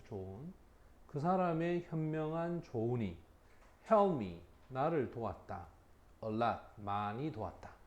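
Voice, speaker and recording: A middle-aged man teaching English vocabulary in a lecture, reading English example sentences slowly and checking in informally with his students. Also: medium pitch, darkish tone.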